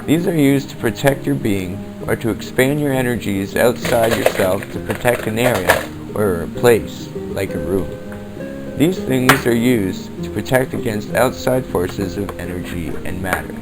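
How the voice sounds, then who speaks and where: A podcast host plays a calm occult practitioner teaching spiritual protection, in a lowish, creaky voice styled like old-time radio narration. He is measured and instructive, explaining step by step and addressing the listener as a friend. The homemade, low-budget recording sounds rough, with clear background music underneath.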